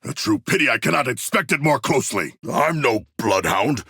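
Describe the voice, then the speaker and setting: Video game shark-man warrior, gravelly, husky, animated delivery, earnest, literal, pompously formal diction, close dry recording. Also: mid-range voice, moderate pace, no echo, exaggerated voice. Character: hulking anthropomorphic shark demigod warrior, earnest, grandly formal. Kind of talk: video game character voice lines.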